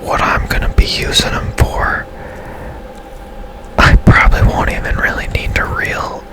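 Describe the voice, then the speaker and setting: A male game streamer hosts casual ASMR commentary over a video game, whispering breathily and musing without hurry.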